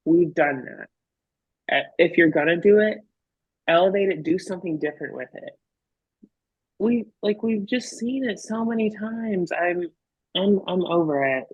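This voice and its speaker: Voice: mid-range voice, normal speed, slightly rough, no echo, dull audio. A co-host chatting casually on a review panel, blunt and sweary in delivery. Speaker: podcast co-host reviewing drag looks.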